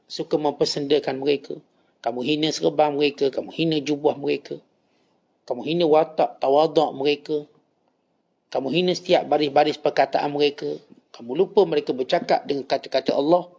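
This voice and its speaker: A man's voice: a little high, creaky, darkish tone. A male religious teacher with a Malaysian Malay accent gives an Islamic lecture, telling stories and scolding his listeners sternly. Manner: storytelling, stern admonishing tone. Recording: lo-fi recording.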